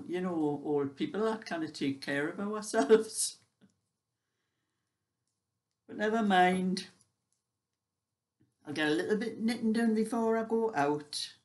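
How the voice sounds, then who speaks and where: An elderly British woman of seventy-five chatting casually, telling everyday stories in a rambling, conversational way. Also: low voice. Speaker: vlogger sharing everyday life. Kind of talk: casual chat.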